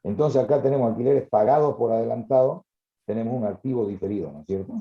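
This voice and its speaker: A man's voice: mid-range voice, fast, roomy sound, muffled recording. A man teaching an accounting class, explaining patiently and checking that students follow. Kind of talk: classroom lecture.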